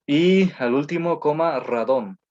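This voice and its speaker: A male teacher giving an online class, dictating notes slowly with many fillers and repeated phrases. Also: a little high, a little mellow. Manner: slow dictation with frequent fillers and repetitions. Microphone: video call. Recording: dull lo-fi online call audio.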